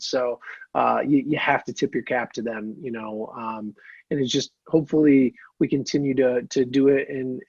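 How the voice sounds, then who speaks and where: A male podcast host with a gravelly, husky voice keeps the interview casual, affirming his guest and restarting his phrases often. The audio is dry and dull, like a lo-fi call recording. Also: medium pitch, no room sound. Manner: friendly and affirming, stumbling restarts.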